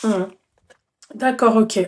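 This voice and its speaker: A woman's voice: fairly high pitch, steady tone, slow, a little mellow. Distant echoey woman host, probing. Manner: probing, pressing questions, affectionate. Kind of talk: live call-in show. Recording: echoey room, distant from mic.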